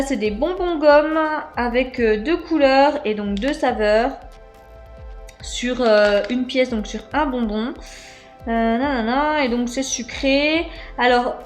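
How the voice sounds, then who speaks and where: A woman in her thirties talks through a snack box on her channel in a high, bright-sounding register. She is chatty and a bit hesitant, with plenty of fillers. Faint music plays underneath. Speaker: unboxing vlogger. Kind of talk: casual unboxing chat.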